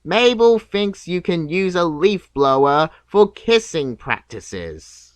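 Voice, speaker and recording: A man giving scripted, nitpicking video commentary in a deadpan, sarcastic manner. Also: sits high, takes it slowly, over loud music. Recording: clear background noise.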